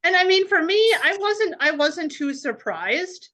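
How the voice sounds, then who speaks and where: A woman's voice: very high voice, animated, measured pace, fairly bright tone. A woman co-hosting a podcast chat, hesitant, repeating words as she thinks aloud. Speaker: podcast co-host. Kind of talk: casual panel chat.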